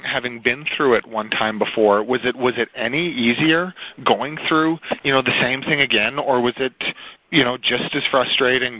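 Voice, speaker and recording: A man of medium pitch talks over a tinny, dry phone line. He is a reporter on a press call, hesitating and rewording his questions. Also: no echo. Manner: hesitant, self-correcting questions. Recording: narrow, tinny telephone line.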